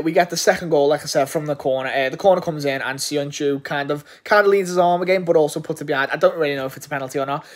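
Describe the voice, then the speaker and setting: Male football fan from England, excitable and rambling, slightly high voice, casual match reaction. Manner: enthusiastic, rambling, frequent swearing and restarts.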